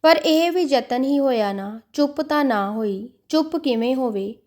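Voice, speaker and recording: A woman narrating a devotional audiobook in a measured storytelling manner. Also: high voice, animated, darkish tone.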